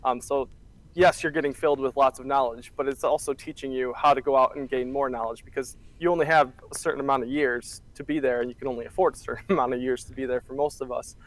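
This fast-talking young man, in his twenties and working in church media, fields interview questions from a small office via a video call webcam. His mid-range voice stays casual and conversational, packed with fillers.

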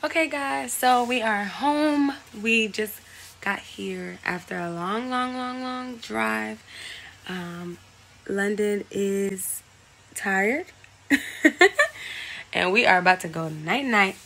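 A woman's voice: mid-range voice, slow pace, gravelly, fairly bright tone, slight background noise. A woman in her twenties chatting casually in a vlog, playful and laughing a lot. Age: 20s. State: out of breath. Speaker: vlogger. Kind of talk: casual chat.

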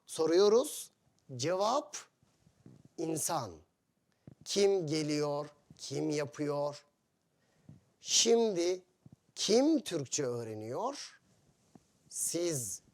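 Very slow, lively-voiced male teacher. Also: a little high. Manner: slow, simple phrasing with many repetitions and questions to learners. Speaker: Turkish teacher. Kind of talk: language lesson for foreign learners.

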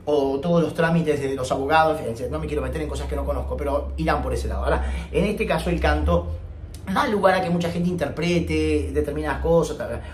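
A man's voice: a little high, fairly quick. A man, chatty and joking as he explains. The sound is roomy and echoey, with a faint hum of room noise behind him. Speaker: singing teacher. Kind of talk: online singing lesson.

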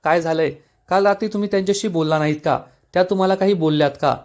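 A man's voice: sits high, very fast, a little mellow. A man reading as an earnest young husband. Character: young husband, puzzled and joking.

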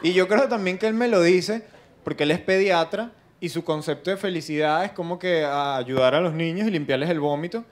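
A young man with a Venezuelan accent doing a stand-up comedy routine, animated and acting out other people's voices. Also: fairly high pitch, a little fast, slight background noise. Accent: Venezuelan Spanish. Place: live comedy stage with audience.

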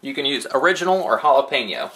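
A middle-aged man hosting a cooking show, calmly giving step-by-step recipe instructions in a home kitchen. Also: mid-range voice, fast.

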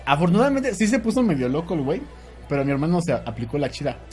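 A Mexican man hosting a casual podcast, telling stories in an animated way, laughing often and swearing freely. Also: fairly high pitch, rapid-fire, faint music behind. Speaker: podcast host. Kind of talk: casual storytelling chat.

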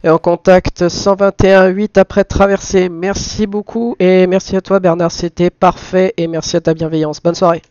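A man's voice: high voice, flat delivery, normal speed, hardly any pauses, darkish tone, smooth, no room sound, dull audio. A man giving live flight simulator commentary as a pilot, switching between muttered asides and procedural radio calls. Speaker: flight simulator streamer playing airline pilot.

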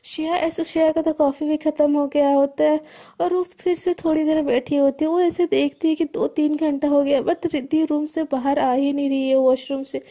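A woman's voice: high voice, steady tone, moderate pace, mellow. A woman telling a serialized love story in a conversational, intimate way.

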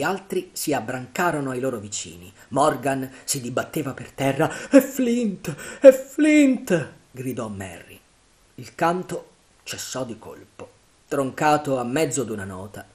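A man narrating a classic adventure novel for an audiobook in a measured, dramatic storytelling manner. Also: mid-range voice. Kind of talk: scripted narration.

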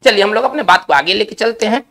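In a recorded class on English spelling and vocabulary, a man walks through each step slowly in Hindi, frequently asking "isn't it?" to make sure students keep up. He has a high voice with lively intonation, vocal fry, and a somewhat bright sound.

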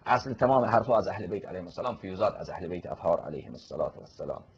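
A male cleric giving a forceful, polemical religious lecture, answering a questioner and quoting Arabic scripture. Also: deep voice, expressive, vocal fry, slightly rough, lo-fi sound.

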